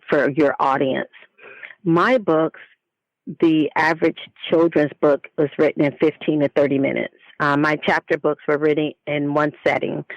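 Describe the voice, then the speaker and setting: A woman appears as a guest in a conversational interview, answering as a children's book author in an earnest, explanatory way. Her voice is low, the audio is dull, and there is no room sound.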